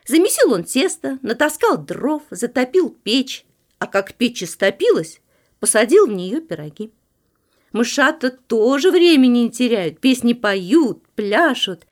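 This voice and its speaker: Lively high-voiced woman telling a fairy tale. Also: a little slow. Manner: expressive, sing-song. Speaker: narrator. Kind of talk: storybook reading for children.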